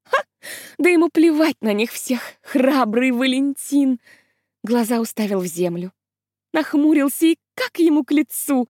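A woman voicing a romantic, excitable young maid in a country pageant, chattering breathlessly with gasping exclamations. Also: high voice, measured pace, no echo, clean studio sound. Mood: excited, gossipy. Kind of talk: acted audiobook reading.

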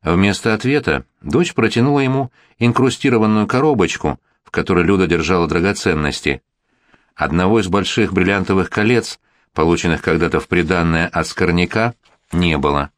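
Deep-voiced man reading a story. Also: brisk, dry recording. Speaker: narrator. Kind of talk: audiobook narration.

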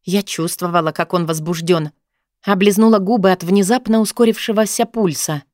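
A woman narrating a first-person story as an audiobook, with a sharp, sarcastic edge. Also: fairly low pitch, normal speed, dry recording, studio quality.

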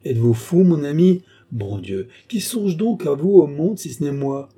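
Mocking young court woman, read by a man, commanding and condescending, audiobook, dark timbre, husky. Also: a little high, lively intonation, moderate pace, pitched above the performer's own voice. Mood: teasing. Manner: teasing, condescending. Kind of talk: audiobook character reading.

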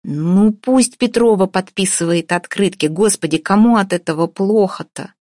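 A woman's voice: medium pitch, moderate pace, darkish tone, no room sound, studio quality, close to an everyday voice. A woman reading an audiobook, voicing a pushy, sarcastic young woman who argues with everyone. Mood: wheedling. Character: brash feisty young woman, gingerbread seller.

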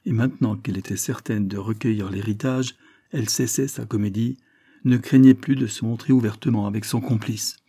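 A man narrating a 1920s adventure novel in a steady, measured audiobook reading. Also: fairly low pitch, slightly rough, dry recording, clean studio sound. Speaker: audiobook reader.

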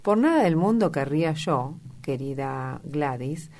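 A woman's voice: deep voice, animated, darkish tone. A woman reading the lines of a witty, ironic English aristocrat in an audiobook. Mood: dryly ironic. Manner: ironic, epigrammatic, unhurried. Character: witty, languid English aristocrat man, middle-aged.

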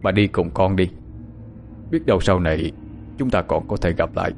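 Solemn mandarin dad, very deep voice, urgent orders, soft music under. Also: male voice, normal speed. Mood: grave. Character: grave middle-aged male mandarin father. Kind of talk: audiobook character acting.

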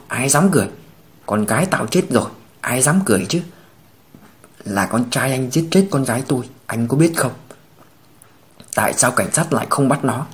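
A man's voice: medium pitch, close to an everyday voice. A man doing a grief-crazed shrieking mother. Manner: hysterical, venomous.

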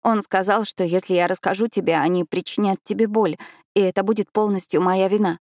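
A woman's voice: medium pitch, fairly even intonation, a little fast, darkish tone, no echo, studio quality, voice pushed up, close to an everyday voice. A woman voicing a timid, guilt-ridden young woman who pleads and apologizes in an audiobook. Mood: pleading. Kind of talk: audiobook character voice.

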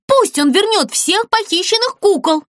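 A woman's voice: extremely high pitch, animated, normal speed, fairly bright tone, no echo, clean studio sound, voice pushed up. A woman voicing a frightened doll actress who shrieks for help. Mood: urging. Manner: shrieking, pleading.

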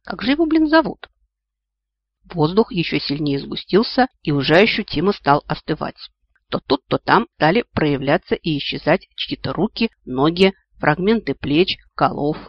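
Man reading a fantasy audiobook, wry, slightly high voice, dry dull lo-fi sound. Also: expressive, moderate pace, husky, no echo. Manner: wry, ironic asides. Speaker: audiobook narrator. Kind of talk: fantasy audiobook narration, first-person heroine.

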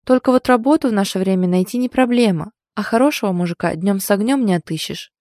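A woman voicing a teasing, excitable young female best friend in an audiobook, talking loud and high with lots of exclamations. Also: quick pace, dry recording, clean studio sound, lightly acted. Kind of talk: audiobook character voice.

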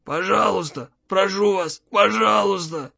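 A man's voice: high voice, a little slow, vocal fry, sharp tone, no echo, lo-fi sound, voice pushed up, exaggerated voice. A man voicing starving, desperate captives who beg for help in pleading, whispered cries.

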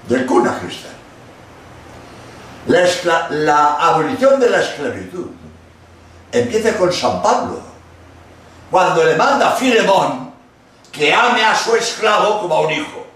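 Lively Spanish man preaching in an echoey hall. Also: high voice, recorded from a distance, slight background noise. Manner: emphatic, with dramatic pauses and acted-out quotes. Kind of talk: sermon-style lecture.

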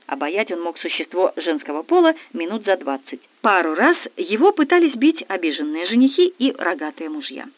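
Brief: brisk ironic storyteller reading a comic novel, dead-dry close audio, thin band. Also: mid-range voice, no echo. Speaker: audiobook reader. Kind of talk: first-person comic novel narration. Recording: dry, tinny phone-like audio.

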